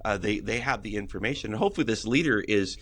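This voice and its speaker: Middle-aged male pastor guest, earnest, rambly, restarts a lot, lower register. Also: fast, a bit bright, slightly rough. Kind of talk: casual podcast conversation.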